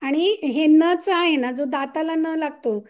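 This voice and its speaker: A woman's voice: high-pitched, slow pace, a little mellow. A woman co-presenting a lesson to parents, explaining each point and asking whether the listeners follow.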